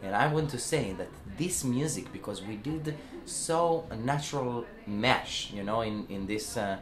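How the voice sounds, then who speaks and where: A mid-range, animated man's voice moves at a measured pace in a reverberant setting. He's an Israeli singer and band founder, first language Hebrew, talking informally in an interview at a music club after performing, and he's full of hesitations, fillers and restarts.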